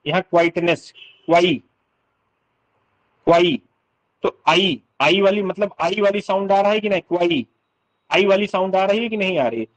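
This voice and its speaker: Male literature tutor, fairly high voice, patient step-by-step explainer, radio-style sound. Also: rough recording. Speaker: English literature teacher. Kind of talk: exam-prep lecture.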